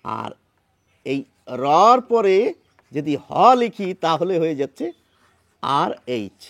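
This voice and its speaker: Guy with a high voice walking through letter sounds at a board, patient, dry close sound. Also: very animated, vocal fry, a bit bright, dry recording. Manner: patient, explanatory, repeats sounds slowly. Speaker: teacher. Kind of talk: whiteboard pronunciation lesson.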